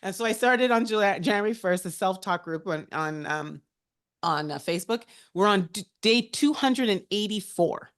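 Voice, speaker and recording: A woman speaking as a guest on a career talk, telling personal stories in an animated, heartfelt and chatty way. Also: mid-range voice, moderate pace.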